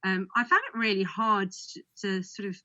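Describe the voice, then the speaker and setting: A woman's voice: medium pitch, steady tone, normal speed, sharp tone, dull audio. A woman who grew up in Hawaii, chatting casually as a guest, laughing often and restarting her sentences. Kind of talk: casual conversational storytelling.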